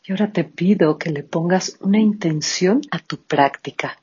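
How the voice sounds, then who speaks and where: A yoga instructor leading a guided breathing meditation, giving calm, soft-spoken instructions and counting out breaths. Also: mid-range voice, normal speed, slightly rough. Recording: dull lo-fi recording.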